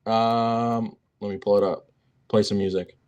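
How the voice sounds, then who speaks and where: A young man co-hosting a casual sports podcast, joking and filling pauses with lots of ums. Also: on the low side, little pitch movement, darkish tone, muffled recording. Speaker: podcast co-host.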